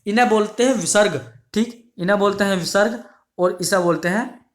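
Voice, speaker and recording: A man in a high voice runs an exam-prep grammar class, addressing the students as his dear children. He asks questions, answers them himself, and repeats each definition, drilling it slowly.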